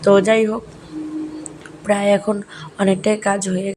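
A young woman with a hoarse voice, chatting softly to her viewers in a casual vlog voice-over recorded at home. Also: medium pitch, flat delivery, a little slow, a little hiss or hum. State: hoarse, sore throat. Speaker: family vlogger. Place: home at night, voice-over while editing.

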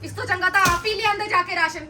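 A young woman in a casual home vlog, complaining in a loud, dramatic, exasperated way. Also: very high voice, steady tone, very fast, distant mic, background noise. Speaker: household vlogger.

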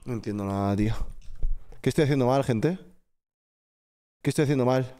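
A man doing live gameplay commentary, excitable, swearing and shouting at the game while talking to his chat. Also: mid-range voice, brisk. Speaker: streamer. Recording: game music behind the voice.

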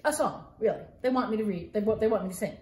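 Sitting in her living room, a middle-aged woman reads a picture book aloud for children in a playful, dramatic way, with mock-exasperated remarks along the way. Her medium-pitched voice is fast and a little mellow. The phone camera, a few feet away, picks up roomy audio and a slight hiss or hum.

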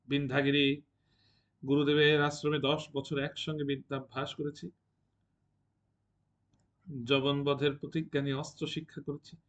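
A man's voice: mid-range voice, lo-fi sound, close to an everyday voice. A man putting on a drunk, mocking young warrior. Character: drunken taunting young male monk-warrior.

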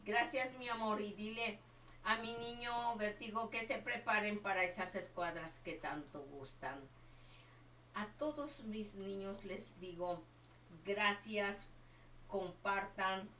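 A woman's voice: mid-range voice, sharp tone, a little hiss or hum. Doting older woman streaming a game. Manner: doting, calls everyone my child and my love. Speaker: livestreaming gamer. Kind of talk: live game stream chat. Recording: echoey room, far from the mic.

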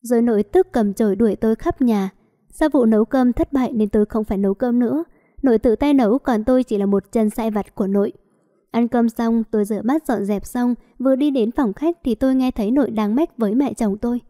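A woman, narrating a story in a lively first-person way. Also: on the high side, fairly quick.

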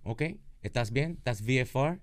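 Mid-pitched man explaining, code-switching. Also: lively intonation, moderate pace. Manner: mixes English phrases into Spanish, repeats himself. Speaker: aviation commentator. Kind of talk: informal explanation of radio traffic. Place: small padded podcast studio. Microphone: boom-arm studio microphone, headphones.

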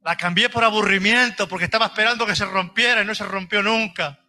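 A man's voice: high voice, fast, sharp tone, soft background music. A middle-aged man, preaching a sermon as pastor in an emphatic, repetitive way with homely examples.

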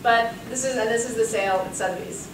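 A curator in her forties talks quickly in a high-ish voice, peppering her lecture with chatty stories and frequent laughter. An audience sits in the seminar room, and the recording, made from a distant room mic, carries echo and background hiss.

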